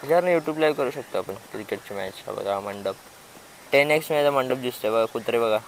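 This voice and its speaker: A man's voice: mid-range voice, fairly quick. A young man with a Marathi accent chatting casually to his vlog camera, laughing often as he heads out. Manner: chatty, laughs often, gets louder and excited when riding with his friend. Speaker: vlogger. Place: outdoors, streets and cricket ground. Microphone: mounted camera while riding, handheld. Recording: noisy outdoor phone video.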